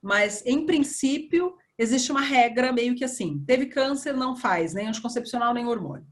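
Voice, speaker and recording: A woman surgeon, talking in a relaxed interview and acting out past conversations as she tells them. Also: on the high side, moderate pace. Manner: animated storytelling, acts out dialogue. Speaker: breast surgeon guest.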